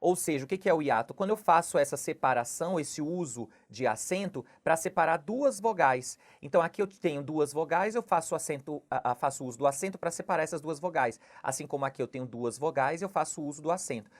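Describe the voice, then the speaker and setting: A low-pitched woman teaches Portuguese grammar by walking through exam questions. She explains patiently and keeps checking in with the listener after each point. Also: animated, fast talker, few pauses. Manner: explanatory, repeats "não é?" and "tudo bem?" often. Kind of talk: exam question walkthrough lesson.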